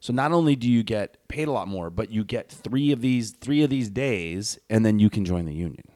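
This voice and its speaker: Animated man telling a long story. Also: lowish voice, a little fast, no echo. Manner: animated storyteller, acts out quoted voices loudly. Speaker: podcast guest, actor. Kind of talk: casual storytelling chat.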